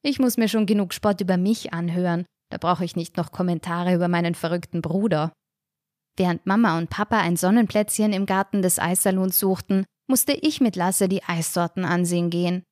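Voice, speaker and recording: A woman reading a first-person storybook aloud in a lively, wry way. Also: lowish voice, a little fast, dry recording, clean studio sound. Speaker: audiobook reader.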